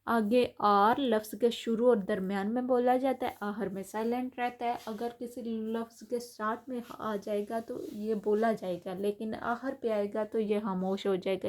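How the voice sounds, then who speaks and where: A woman's voice: a little high, fairly even intonation. A woman teaching a language lesson, patiently explaining letter sounds, often repeating herself with small fillers and restarts. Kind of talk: explaining German pronunciation lesson.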